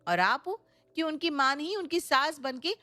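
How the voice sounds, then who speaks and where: A woman's voice: sits high, sing-song, normal speed, pushed and bright, no echo, pitched above the performer's own voice, full character voice. A woman voicing a suspicious young bride who answers her mother-in-law with defiance and sarcasm. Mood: defiant.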